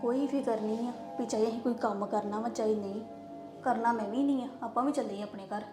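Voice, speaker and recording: A woman playing a relative in a family drama, muttering spitefully in a low voice. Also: steady tone, a little fast, echoey room, over music. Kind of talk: Punjabi family drama dialogue.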